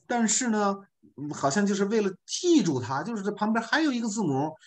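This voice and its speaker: A man leads an online beginner class as a volunteer teacher. He explains patiently, leaning on small filler particles as he goes. His pitch swings widely, high and low, through each sentence. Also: sing-song, a little fast.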